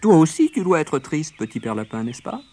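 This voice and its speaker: A scheming old turtle lady from a storybook who chuckles as she talks, done by a male narrator. Her voice sits high and swings widely, over faint background noise. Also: sing-song, fairly quick, a little mellow. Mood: gleeful. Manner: gleeful, cackling.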